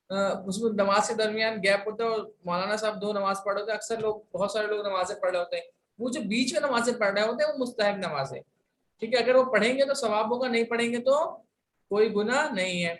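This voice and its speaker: A man's voice: sits high, quick pace, a bit bright. A man from Pakistan teaching a religious class, patiently asking rhetorical questions and answering them himself. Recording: roomy sound, distant from mic, faint hiss.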